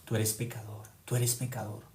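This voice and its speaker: A man voicing the devil as a quiet, low, accusing whisperer. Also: flat delivery, moderate pace, natural voice. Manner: low, hushed, accusing repetition. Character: menacing male devil, accusing and cold.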